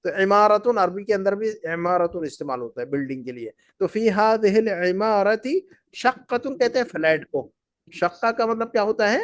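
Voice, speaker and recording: High-voiced man drilling a class. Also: lively intonation, no room sound, studio quality. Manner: patient, repeats words and quizzes the class. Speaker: Arabic teacher. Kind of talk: language class, drilling students. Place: class run from Bahrain.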